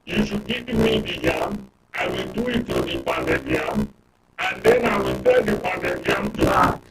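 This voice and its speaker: This Nigerian-accented man has a very deep voice whose pitch swoops wildly, and he takes his time. Acting as a panel guest and expert commentator, he explains emphatically in a live discussion, building step by step with check questions and everyday analogies, captured on a distant mic in a roomy space with clear noise and clicks.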